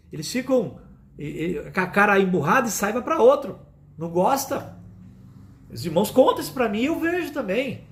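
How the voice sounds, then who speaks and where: A male pastor with a Brazilian accent delivers a sermon in a high, lively voice. His pitch leaps around as he stresses his points, repeating phrases for emphasis. He keeps turning to the congregation with fond direct address. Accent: Brazilian Portuguese. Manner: emphatic, repetitive, addresses listeners as "amados".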